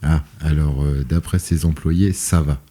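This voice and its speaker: A man's voice: very deep voice, steady tone, a little slow, warm tone. A man co-hosting a podcast, telling rambling, joking stories in casual chat. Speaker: podcast co-host.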